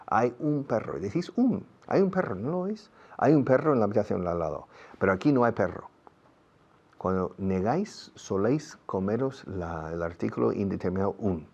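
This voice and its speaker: A man's voice: on the low side, darkish tone. A man teaching English in a classroom explanation, drilling phrases and exaggerating pronunciation. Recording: dull lo-fi recording.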